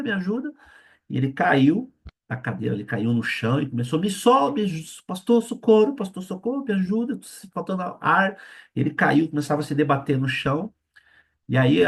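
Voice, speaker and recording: A man's voice: medium pitch, breathy edge. A man with a Brazilian Portuguese accent, a pastor preaching a sermon and acting out the people in the story he tells. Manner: acts out the voices of the people in his story.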